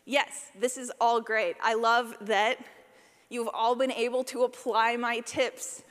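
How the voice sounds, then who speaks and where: A woman who works as a podcast sound designer presents a live workshop session, playful, animated and informal, acting out examples as she goes. Her voice is on the high side and slow-paced, picked up by a presentation microphone in a large, echoey indoor session room.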